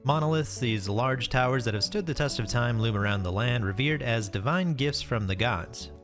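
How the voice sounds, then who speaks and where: A man's voice: medium pitch, animated, normal speed. A man giving casual scripted commentary as a video host, informal and wry, with some casual swearing. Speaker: YouTube game preview host. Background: music behind the voice.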